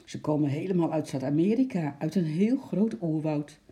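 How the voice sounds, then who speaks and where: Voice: mid-range voice, lively intonation, moderate pace, warm tone, lightly acted. A reader doing a hearty proud zookeeper uncle.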